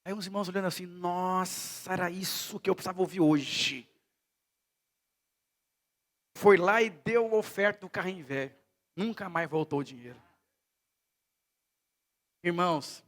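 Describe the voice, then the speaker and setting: A male pastor from Brazil preaching a sermon in a church service, telling stories and swinging between hushed and loud delivery. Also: sits high, unhurried, long pauses.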